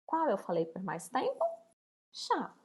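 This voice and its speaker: A woman's voice: mid-range voice, wildly swooping pitch, slow pace, darkish tone, slightly rough. A Brazilian woman teacher giving a recorded lesson to young pupils, stretching out words syllable by syllable. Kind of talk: recorded remote school lesson.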